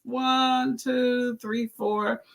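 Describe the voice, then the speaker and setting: A woman's voice: on the high side, flat delivery, extremely slow. A woman hosting a casual live chat, reading out viewers' comments and encouraging them. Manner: chatty, encouraging, exclaims often. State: clearing her throat. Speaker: livestream host.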